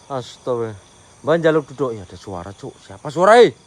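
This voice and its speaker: A man, live-streaming a night ghost hunt, who calls out loud prayers and challenges to spirits between hushed remarks. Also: mid-range voice, sing-song, brisk. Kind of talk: live ghost-hunting commentary. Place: outdoors at night at an old resort.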